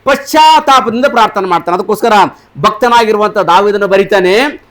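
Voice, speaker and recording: A man's voice: sits high, brisk, a bit bright. A man preaching a sermon, asking the congregation questions and repeating their answers. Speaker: pastor. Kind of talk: sermon with call-and-response.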